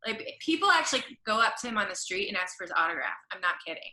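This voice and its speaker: A woman's voice: mid-range voice, big pitch swings, very fast, bright, forceful tone, reverberant, poor audio. A woman, a guest telling a long story in a chatty, rambling way and correcting herself as she goes. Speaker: podcast guest, florist and creative director. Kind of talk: casual storytelling interview.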